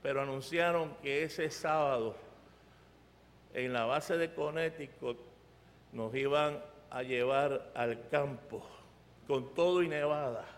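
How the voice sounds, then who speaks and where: A man with a Puerto Rican accent preaching an animated, emphatic storytelling sermon from a church. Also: mid-range voice, slow pace, pauses often. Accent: Puerto Rican Spanish. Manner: animated, emphatic, rising to loud outbursts. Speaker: pastor. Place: church sanctuary. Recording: reverberant church sanctuary.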